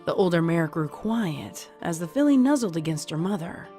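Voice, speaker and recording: A woman narrates a scripted audiobook as the storyteller, with soft music playing behind her. Her voice is fairly low, her intonation lively, and her pace normal.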